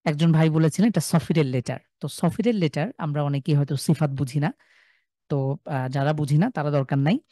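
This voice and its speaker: A man's voice: fairly high pitch, fairly quick, mellow, dry recording, clean studio sound. A man with a Sylheti Bengali accent teaching a live online class, patiently drawing out and repeating each sound for his students. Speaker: Quran recitation teacher.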